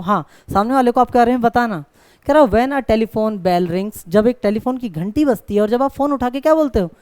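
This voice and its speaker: A man tutoring for an exam in an online lecture. He reads English textbook lines slowly, then explains them in casual chat, often calling his listeners "bhai". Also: very high voice, darkish tone, clean tone, dry recording, studio quality.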